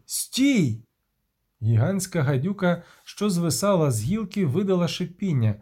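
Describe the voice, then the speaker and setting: A man narrating an audiobook with vivid, even-paced storytelling. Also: on the high side.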